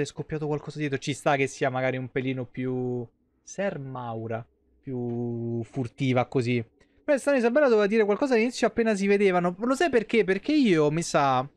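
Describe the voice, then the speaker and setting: Here a man in his thirties, speaking with a Roman Italian accent, streams a game and rambles through it in loose slang as live commentary. His voice is slightly high, clear and resonant, recorded with no room sound.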